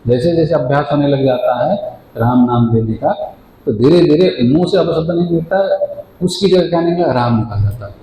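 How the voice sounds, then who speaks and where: A man giving a devotional sermon as a spiritual teacher, explaining patiently, asking questions and answering them himself, and slowly drawing out chanted words. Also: on the high side, warm tone. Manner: chants the divine name slowly and drawn out. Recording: echoey room with faint ambient noise.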